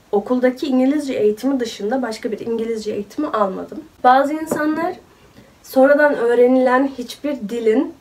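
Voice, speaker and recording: A woman's voice: on the high side, a little mellow, recorded from a distance. A woman in her twenties with a cold, chatting casually as a vlogger and laughing often. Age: 20s. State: sick with a cold. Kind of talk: casual chat.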